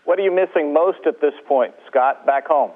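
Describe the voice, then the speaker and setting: A man's voice: on the high side, moderate pace. A man working as a TV reporter, asking friendly, plain questions over a space-to-ground radio link. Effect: radio link audio. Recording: tinny phone-like radio link.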